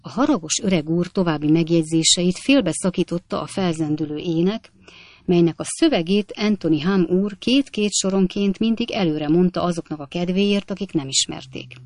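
A woman narrating an audiobook in a measured storytelling delivery. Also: fairly low pitch, darkish tone, no room sound, studio quality. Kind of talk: scripted narration.

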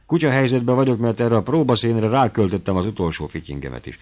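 A man voicing an old man who is a fiery, boastful dreamer, speechifying grandly and loudly, in a storybook reading. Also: medium pitch, animated, dull audio, voice pushed up, close to an everyday voice. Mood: grumbling.

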